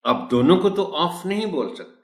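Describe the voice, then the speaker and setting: A man training teachers in a pronunciation lesson. He explains slowly and patiently and repeats model words. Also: fairly high pitch, sing-song. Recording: echoey room.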